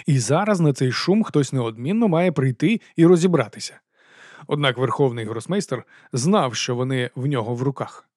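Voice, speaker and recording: A man narrating an audiobook in a steady, even reading voice. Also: medium pitch, moderate pace, no echo, clean studio sound. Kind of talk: scripted narration.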